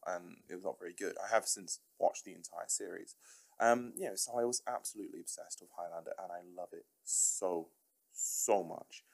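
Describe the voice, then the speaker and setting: Solo podcast host, male, lower register, chatty and excitable, casual swearing. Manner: enthusiastic, rambling, chuckling.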